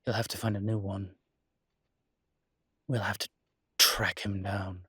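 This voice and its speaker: A man acts a suave demon in an intimate roleplay audio drama, his lowish, husky voice showing little melodic or pitch movement yet sounding pushed and bright in heavily acted delivery. Thoughtful and concerned, he speaks wryly and articulately with unhurried, emphatic phrasing, proud and protective of his kind. The recording is very dry and close.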